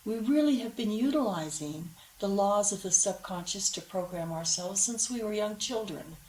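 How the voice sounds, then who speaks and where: A woman co-presenting a guided imagery program, speaking in a measured, earnest way. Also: medium pitch, expressive, a little mellow. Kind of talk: calm measured explanation. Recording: roomy with faint background noise.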